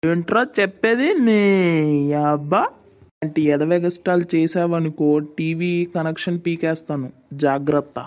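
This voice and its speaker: A woman voices a stern cartoon father who scolds and threatens his son in a gruff manner. The voice sits fairly low with a mellow, dark tone. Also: normal speed, natural voice. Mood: scolding. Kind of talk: cartoon voice acting.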